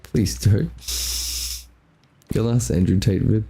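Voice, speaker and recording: A man's voice: fairly low pitch, expressive, slow pace, gravelly, dark tone, breathy edge. A man streaming a game, joking and rambling as he plays. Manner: joking, rambling, mock impressions. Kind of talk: casual gaming commentary.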